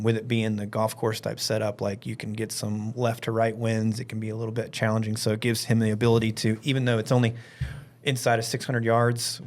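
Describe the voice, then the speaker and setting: A man from Alabama talking casually as a podcast guest, rambling informally and leaning on filler words like "like" and "you know". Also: lowish voice. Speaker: firearms instructor and event organiser, interview guest.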